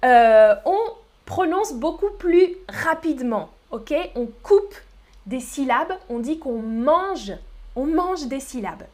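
A woman from the Paris region teaching French pronunciation in a live online lesson, speaking with a Parisian accent and repeating each example slowly and carefully. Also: sits high, expressive, a little mellow. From Paris region, France.

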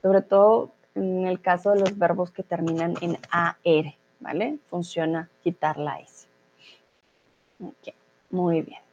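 Woman teacher going slow n patient, lowish voice, bit muffled lo-fi sound. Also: level tone, darkish tone, a little hiss or hum. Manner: patient, explanatory, checks in with "¿vale?". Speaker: Spanish teacher. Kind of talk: online grammar lesson.

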